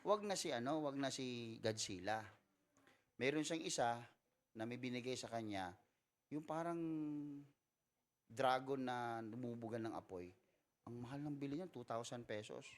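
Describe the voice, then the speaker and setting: A man with a Filipino accent, preaching as a pastor. He answers church questions in a loose, joking way and slips into English for key points. His voice sits in a middling pitch. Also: normal speed, pauses often. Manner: joking, mixes Tagalog with English. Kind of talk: Sunday school sermon with Q&A. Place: church hall.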